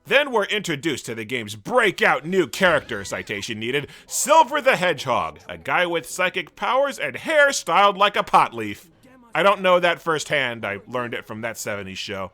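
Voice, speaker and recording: A man's voice: on the high side, very animated, normal speed, bright, forceful tone. A man narrating a scripted video game review, sarcastic and ranting, with frequent swearing. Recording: voice-over with faint music.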